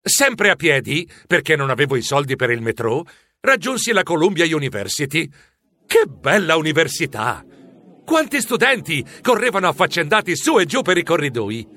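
A man reading a storybook aloud in the first person, animated and exclamatory. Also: fairly high pitch, moderate pace. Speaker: audiobook narrator.

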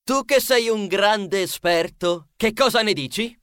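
A man voicing a measured, slightly pompous young male influencer in an audiobook. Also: high-pitched, lively intonation, a bit bright, dry recording, clean studio sound, exaggerated voice. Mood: polite. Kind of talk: audiobook character voice.

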